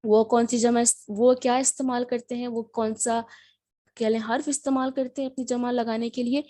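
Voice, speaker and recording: Woman teacher, patient, repeats herself, high-ish mellow voice, dry close sound. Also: little pitch movement, dry recording. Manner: patient, repeats words and asks rhetorical questions. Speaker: Turkish teacher. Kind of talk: spoken language lesson.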